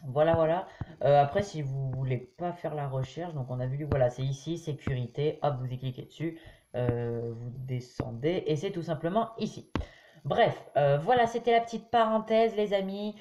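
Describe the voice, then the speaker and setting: This is a man recording a laid-back video tutorial as a voice-over on his tablet. His tone is mellow and unforced, and he rambles with fillers and restarts, speaking to viewers as friends. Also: fairly high pitch, moderate pace, dull audio, slight background noise. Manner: chatty, hesitant, many fillers, addresses viewers as friends. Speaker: YouTube tutorial host. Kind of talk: casual screen-recording tutorial.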